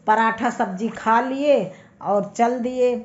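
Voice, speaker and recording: A woman slowly telling a homely folk tale, unhurried, with small hesitations. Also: on the high side. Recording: dull lo-fi recording.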